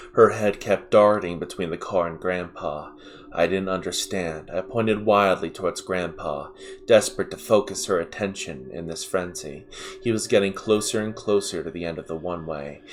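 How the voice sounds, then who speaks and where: A man reading a scripted horror story in a measured, dramatic way with stressed pauses. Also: low-pitched. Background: music.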